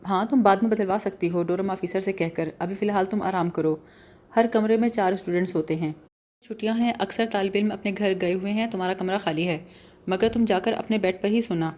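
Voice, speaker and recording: A woman reading out a friendly young student girl, reassuring and helpful, low mellow tone in an audiobook. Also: lightly acted. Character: friendly young female Turkish student guide.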